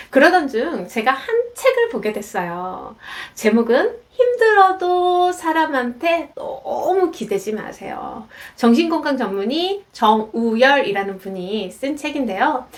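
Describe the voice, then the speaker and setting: A woman lecturer telling personal stories in a YouTube talk, acting out the voices of the people she quotes. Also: fairly high pitch. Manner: animated, acts out quoted voices.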